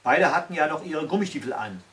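A man reading a children's Christmas fairy tale aloud in a plain, measured narrating voice. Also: a little high, lively intonation, a bit bright. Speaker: storyteller.

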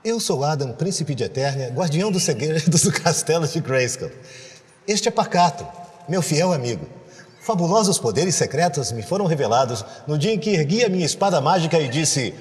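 Man voicing a heroic cartoon prince, booming grand declamation, lively rising pitch, slow drawn-out battle cry. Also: in a large hall. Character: heroic adult male cartoon prince declaiming his origin.

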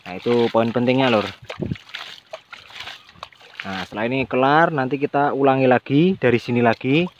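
A man's voice: mid-range voice, moderate pace, pauses often, dull audio, a little hiss or hum. A man, a chili farmer giving a casual tutorial vlog outdoors in his field and chatting to viewers with a friendly filler word. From Central Java, Indonesia. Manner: chatty, addresses viewers as "Lur" often.

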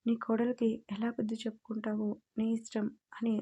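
A woman's voice: on the high side, monotone, brisk, mellow, breathy edge. A woman voicing a prim, disapproving neighbor who lectures sternly in a storybook reading.

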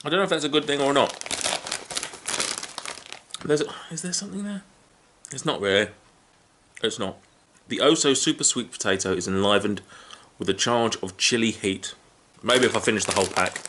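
A British man in his thirties giving a casual food review at home, talking between bites of crunching chips. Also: on the low side. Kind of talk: casual, unscripted tasting review to camera. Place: small living room at home, indoors. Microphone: camera a short distance in front. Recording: clear background noise, crinkling packets.

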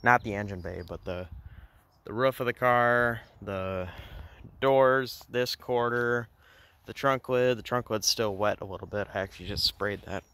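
A man's voice: on the low side, measured pace, fairly bright tone, clear, resonant tone. A man casually narrating an outdoor car restoration walkaround, rambling with fillers and restarts, filmed on a handheld phone. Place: outdoors on a grassy yard beside a car.

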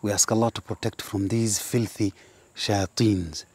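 Husky man guiding a woodland walkthrough. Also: lowish voice, fairly even intonation, a little slow, darkish tone. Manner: emphatic, pointing things out, mixes in Arabic terms. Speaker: ruqya practitioner. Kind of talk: guided outdoor walkthrough. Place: outdoors in woodland by a large tree.

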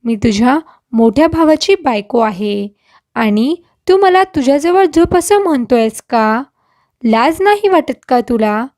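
A woman's voice: sits high, expressive, unhurried, a little mellow, no echo, clean studio sound. A woman voicing a young bride who speaks sharply and indignantly. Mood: angry. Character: young bride, angry and bewildered.

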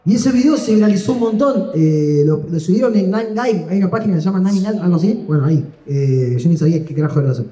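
Young Argentine male comic, rambling self-deprecating storyteller, highish voice. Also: lively intonation, fast, few pauses, warm tone. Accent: Argentine Spanish. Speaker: stand-up comedian. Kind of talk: live stand-up storytelling. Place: comedy stage. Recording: echoey live room.

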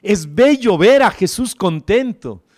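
Slow-preaching priest, dry voice. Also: male voice, high-pitched, expressive, a little mellow, no echo. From Colombia. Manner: emphatic, repeats key phrases. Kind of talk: sermon.

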